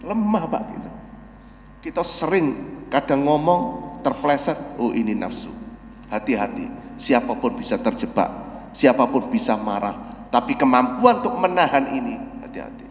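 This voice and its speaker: A man preaching a dawn sermon in a mosque, often calling his listeners "Pak", rising to loud emphatic peaks, then dropping to soft prayer, and chanting Arabic lines slowly. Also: medium pitch, big pitch swings. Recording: echoey mosque hall with long reverb.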